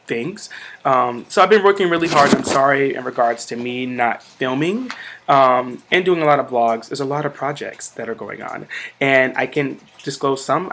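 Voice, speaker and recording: A man's voice: mid-range voice, fairly bright tone. A young man from the United States talking straight to camera in a casual vlog, chatty and self-joking, with lots of "um"s and "you know"s. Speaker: vlogger.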